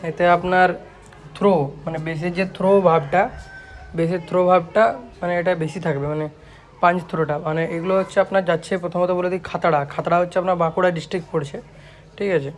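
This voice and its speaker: A man with a West Bengal Bengali accent, who runs a speaker repair shop, pitches products in a casual vlog. He talks briskly in a high, steady voice, repeating himself like a salesman and mixing in English terms.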